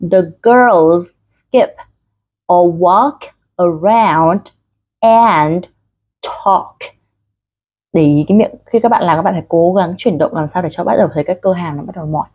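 A woman's voice: lowish voice, breathy edge, dull audio. A woman with a Vietnamese accent teaching English pronunciation online, coaching learners step by step. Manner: friendly coaching, directly addressing learners.

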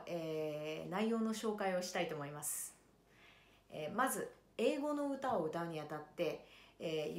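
A woman introducing her jazz vocal pronunciation lessons in a calm, explanatory way, often pausing with fillers and slowing down to model English words. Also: on the low side, echoey room.

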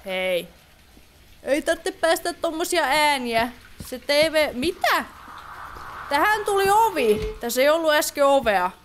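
A woman's voice: high-pitched, big pitch swings, slight background noise. A woman giving casual let's play commentary on a horror game, chatty and easily startled. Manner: chatty, easily startled, mixes English exclamations. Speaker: gaming YouTuber.

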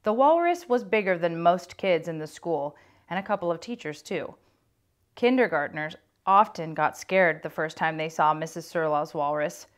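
A woman reading a children's chapter book aloud with clear, expressive storytelling. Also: fairly low pitch, normal speed.

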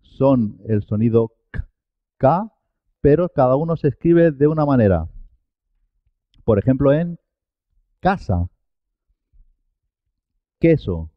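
A man's voice: mid-range voice, expressive, slow pace, long pauses, no echo, highs cut off. A man teaching a Spanish pronunciation lesson, carefully enunciating each sound and model word. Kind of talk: slow, clear pronunciation lesson.

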